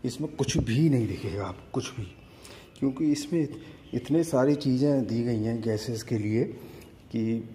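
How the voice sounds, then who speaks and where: A man who runs a motorcycle vlog compares products in a relaxed, conversational way, explaining things hands-on while recording on a phone next to a marble staircase at home. He has a mellow, mid-range voice and a measured pace, with slight background noise.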